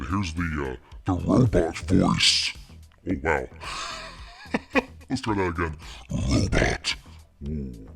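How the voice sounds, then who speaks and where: A man's voice: low-pitched, fairly bright tone, voice pushed down, heavily acted. A man heard through a robot-voice filter, making wry jokes. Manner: wry, joking. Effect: robot voice preset.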